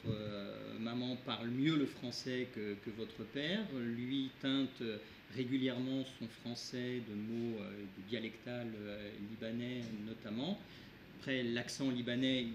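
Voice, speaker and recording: A man's voice: mid-range voice, measured pace. A man moderating a literary talk, asking questions hesitantly with many fillers and restarts. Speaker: event moderator. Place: event hall. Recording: echoey room with background noise.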